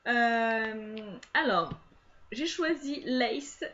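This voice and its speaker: A young woman with a fairly high voice talks casually to her camera, pausing often with fillers as she chats along. The sound is a bit dull and lo-fi, picked up by the camera mic. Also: fairly bright tone. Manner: chatty, many hesitations and fillers. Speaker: book vlogger.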